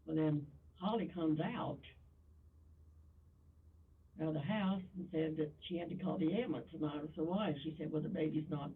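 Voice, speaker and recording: A woman with a very husky, raspy voice telling police what happened in plain storytelling fashion. the recording is thin and phone-like, and she is heard from a distance. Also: low voice, normal speed, pauses often. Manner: plain storytelling, many wells. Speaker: witness in police interview.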